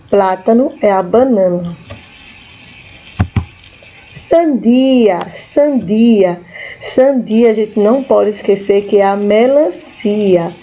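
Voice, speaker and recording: A woman with a Brazilian Portuguese accent, teaching a recorded lesson to children, slowly and patiently repeating each word for young learners. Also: mid-range voice, dark tone, muffled recording. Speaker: school teacher.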